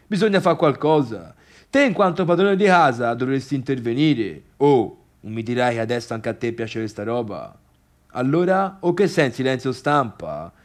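An actor in a theatrical radio monologue plays a bitter, sarcastic failed pianist turned music critic, grumbling colloquially in a Tuscan Italian accent. His male voice is natural and medium-pitched, his mood exasperated.

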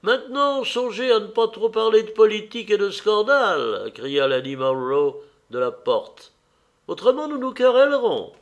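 A man voicing an old society hostess, a bossy matchmaker who talks in a fussy, commanding way with a raised, fluttery pitch. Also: sing-song, unhurried, gravelly, a bit bright, dull audio, exaggerated voice.

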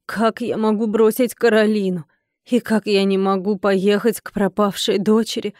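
A woman narrating a first-person audiobook with lively, wry storytelling. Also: mid-range voice, moderate pace, dry recording, studio quality.

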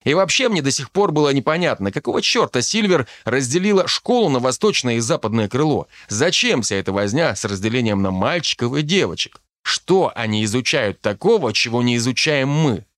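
A man's voice: medium pitch, expressive, fairly quick, few pauses, fairly bright tone, no room sound. Guy reading a novel in first person, voice goes up and down a lot, dry close mic. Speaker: audiobook narrator. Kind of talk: first-person fiction narration.

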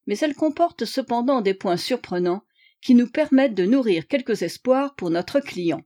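Woman reading Sherlock Holmes, wry male detective, courteous and theatrical, mellow warm tone, audiobook. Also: fairly high pitch, animated, normal speed, pitched above the performer's own voice.

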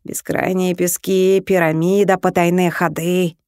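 A red-bearded dwarf drawls his words slowly with a sighing, mournful air, as a woman reading a storybook puts him on. His voice stays soft and low, and the sound is dry and close. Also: level tone, no echo, close to an everyday voice. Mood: dreamy. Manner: slow, sighing. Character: dreamy, gloomy male dwarf with a red beard.

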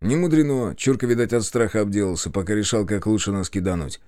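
A man's voice: fairly low pitch, fast, dark tone, no room sound, clean studio sound, lightly acted. A man voicing a coarse, hot-tempered grown man who barks orders in an audiobook. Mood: scornful. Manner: gruff, coarse, barking orders. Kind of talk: audiobook character voice.

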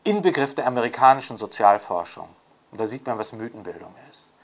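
In unscripted intellectual interview talk, an older author and scholar speaks off the cuff, reflective yet emphatic and fond of rhetorical tags. His mid-range voice is animated, and his pace is brisk.

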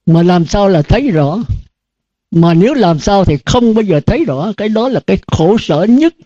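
A man's voice: high voice, expressive, normal speed, dark tone, dry recording. An older man, a Buddhist monk, giving a dharma talk to students in an earnest, repetitive cadence full of rhetorical questions. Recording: dull lo-fi dry recording.

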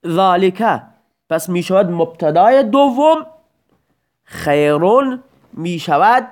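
Man with a lively, patient teaching voice. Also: high voice. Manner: patient, step-by-step explanation with rhetorical questions. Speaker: Arabic grammar teacher. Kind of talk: audio lesson explaining grammar.

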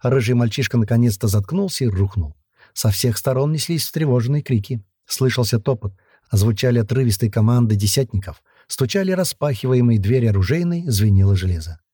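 Husky, dark-voiced male narrator. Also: mid-range voice, expressive, a little fast, dry recording, studio quality. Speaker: audiobook narrator. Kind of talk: scripted fantasy narration.

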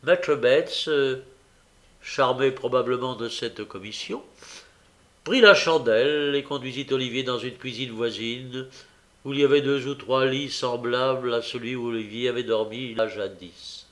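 A man narrates a classic novel aloud in an expressive, measured reading voice of middle pitch. Now and then he hesitates briefly between phrases. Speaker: audiobook reader. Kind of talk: scripted narration.

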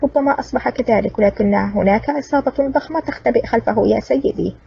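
A woman's voice: fairly high pitch, fast, creaky, slightly rough, exaggerated voice. A woman voicing an irritated young woman sidekick in an audiobook, speaking with resentment. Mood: annoyed. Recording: distant, dull lo-fi recording.

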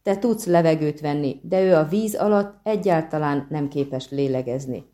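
A woman's voice: sits low, warm tone, close to an everyday voice. A woman voicing a weary grown man, a monster hunter, patient but exasperated, in an audiobook. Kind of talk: audiobook reading.

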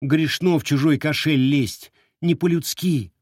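A man's voice: high voice, measured pace, no room sound, studio quality, voice pushed up. A man voicing an anxious peasant wife who laments and pleads. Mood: lamenting.

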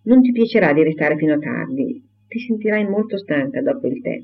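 Man voicing a fussy old invalid gentleman, worrying, fretful, storybook reading, higher voice, tinny phone-like sound. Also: very animated, fairly quick, gravelly, husky, exaggerated voice. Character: fussy anxious elderly gentleman, frail invalid.

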